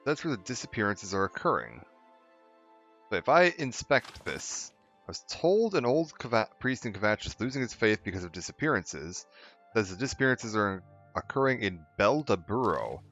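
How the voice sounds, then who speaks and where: Rambling streamer man, low dull voice. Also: big pitch swings, moderate pace, fairly bright tone, faint music behind. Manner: rambling, chatty, frequent fillers and restarts. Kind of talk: casual let's-play commentary.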